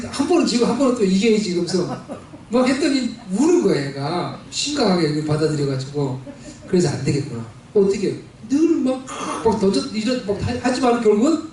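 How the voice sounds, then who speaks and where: A man's voice: sits high, darkish tone, slight background noise. A male pastor preaching a sermon in a church, asking the congregation questions and acting out quoted lines. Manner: preaching with call-and-response questions and dramatized quotes. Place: church sanctuary. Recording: very echoey hall, voice from a distance.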